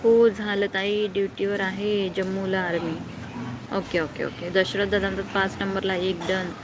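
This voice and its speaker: A woman's voice: medium pitch, flat delivery, moderate pace. A young woman, live-streaming from outdoors at night and chatting casually as she reads viewer comments aloud and answers them. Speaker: livestreamer reading viewer comments. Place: outdoors below a housing block at night. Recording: outdoor phone recording with clear background noise.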